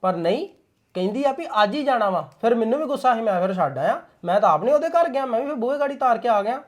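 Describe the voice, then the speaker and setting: A man plays a young Punjabi farmer with a Punjabi accent, rattling off his words at a quick clip. He sounds assertive and brushes off worries as a short-tempered husband. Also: very high voice, very animated, exaggerated voice. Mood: insistent. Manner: fast, assertive, dismissive when irritated. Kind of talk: Punjabi web drama acting.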